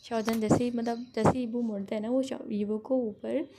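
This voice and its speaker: A woman's voice: on the high side, fairly even intonation, normal speed, background noise. A woman casually retelling a fan fiction story, chatty, often correcting herself mid-sentence. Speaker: narrator.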